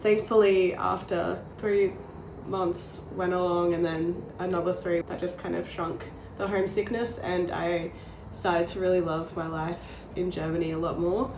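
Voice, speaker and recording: A woman's voice: on the low side, level tone, a little slow, noisy background. A woman, a former exchange student, giving enthusiastic, gushing casual interview answers. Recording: echoey room.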